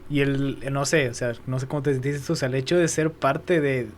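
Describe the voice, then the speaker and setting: A man hosting a podcast, reacting with short slangy remarks and asking loose, halting questions. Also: medium pitch, steady tone. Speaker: podcast host.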